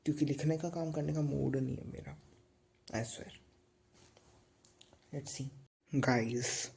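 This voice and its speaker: A young man in his late teens with an Indian accent, chatting casually in a night-time study vlog. He speaks softly and slowly, sleepy and tired, and rambles a little. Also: medium pitch, gravelly. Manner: speaks softly and slowly so as not to wake others; drifts between two languages, rambling and tired. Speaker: student vlogger.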